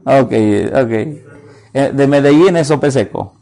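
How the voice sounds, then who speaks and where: A man preaching a sermon, retelling conversations with animated storytelling and acting out both sides. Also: medium pitch, slow. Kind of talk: sermon with retold dialogue.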